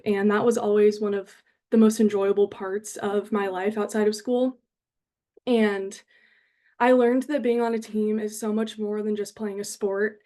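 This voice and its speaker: A woman's voice: mid-range voice, darkish tone. An American woman around twenty, a university student giving a casual, upbeat and earnest self-introduction in conversational phrasing peppered with "like". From Denver, Colorado, United States.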